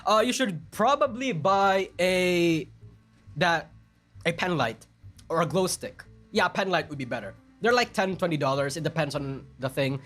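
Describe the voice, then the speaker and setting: Filipino accent guy streaming, kinda high voice, rambly and self-deprecating, faint music behind. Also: lively intonation, normal speed, fairly bright tone. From Philippines. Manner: rambling, self-deprecating, answers chat messages. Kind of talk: casual live-stream chat.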